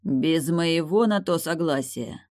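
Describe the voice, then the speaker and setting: A woman's voice: low voice, steady tone, unhurried, no room sound, clean studio sound. A woman voicing a strict, cold middle-aged male marquis who speaks in short, clipped lines in a storybook reading.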